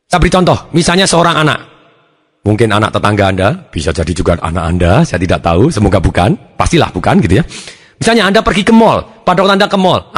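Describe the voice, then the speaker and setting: A man giving a recorded self-development lesson, animated and acting out his examples. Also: a little high. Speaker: motivational trainer.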